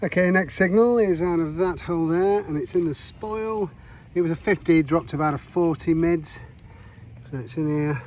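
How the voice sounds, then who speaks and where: A man's voice: on the high side, normal speed, darkish tone, slight background noise. Chatty man outdoors. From United Kingdom. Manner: chatty, self-deprecating, exclamatory. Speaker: metal detecting vlogger. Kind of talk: casual self-filmed commentary. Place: outdoors in a pasture field. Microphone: chest cam or handheld camera.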